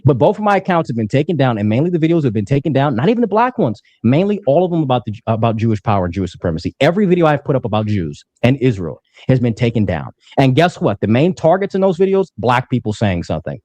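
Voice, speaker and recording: A man's voice: medium pitch, big pitch swings, fast, darkish tone, no echo. A man in his twenties arguing in a heated debate, combative and profane. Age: 20s. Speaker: debate panelist.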